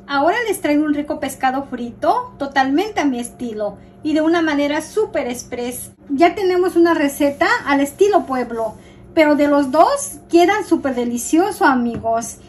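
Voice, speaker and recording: Mexican lady hosting a cooking vid, high voice, chatty and frank, talks to viewers like friends. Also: expressive, normal speed, a little hiss or hum. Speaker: cooking channel host. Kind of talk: casual cooking tutorial.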